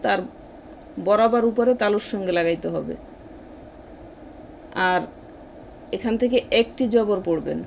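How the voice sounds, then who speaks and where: A woman teaching Quran reading, explaining pronunciation rules and then reciting each word slowly and drawn out. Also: mid-range voice, creaky, slight background noise. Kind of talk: step-by-step recitation lesson.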